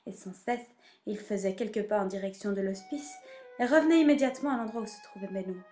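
A woman reading a children's storybook aloud in an expressive, measured way. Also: mid-range voice, soft background music.

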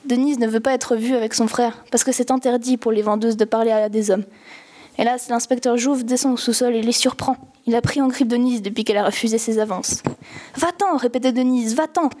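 A woman calmly reading a novel passage aloud and explaining it. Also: a little high. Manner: calm, measured reading. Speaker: reader.

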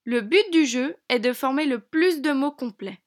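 A woman teacher narrating a lesson for young children in an encouraging, clear way, slowing down on key words. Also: sits high, animated. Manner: bright, encouraging, speaks slowly to a child.

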